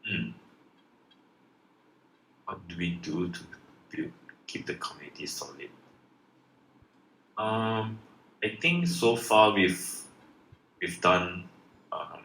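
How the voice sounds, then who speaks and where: A deep-voiced Malaysian project founder answers questions in a loose live Q&A, hesitating with "um" and restarting sentences. His tone is bright and forward, with lively intonation, a slow pace and long pauses. The room echoes and there's faint background noise.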